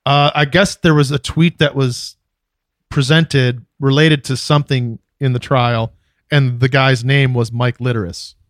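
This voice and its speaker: A man's voice: medium pitch, fairly even intonation, measured pace, dry recording, studio quality. A man co-hosting a podcast, explaining things matter-of-factly with sarcastic asides. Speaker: podcast co-host. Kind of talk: casual chat.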